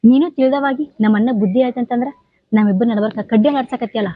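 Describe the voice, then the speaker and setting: A woman plays a defiant young village woman with a North Karnataka accent, in a slightly dull recording with faint music behind. She speaks high and quick, and her lines come out indignant and reproachful. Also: slight background noise, close to an everyday voice. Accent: North Karnataka Kannada. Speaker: sister in a village drama. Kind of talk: short-film acting.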